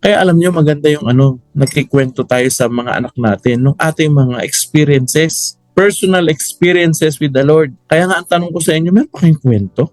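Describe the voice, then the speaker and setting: A man's voice: fairly high pitch, normal speed, a little mellow, no echo, soft background music. A man preaching at a Bible study, telling stories with animation and challenging listeners with questions.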